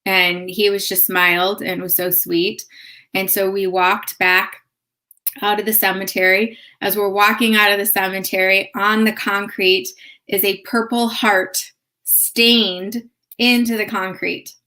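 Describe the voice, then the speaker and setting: A woman's voice: medium pitch, level tone, unhurried, bright, forceful tone. A middle-aged woman hosting a spiritual live stream, telling a personal story in an earnest, emotional way.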